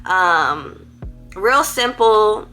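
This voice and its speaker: A woman's voice: mid-range voice, lively intonation, extremely slow, sharp tone, faint music behind. A teenage girl, giving school advice in a rambling, playful, chatty vlog. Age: teens. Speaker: vlogger.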